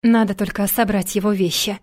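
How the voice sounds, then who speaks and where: A woman voicing a hot-tempered, stern man who is both a boss and a father, calling out loudly in an audiobook. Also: medium pitch, fairly even intonation, a little fast, natural voice. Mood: dry. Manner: loud shouting calls.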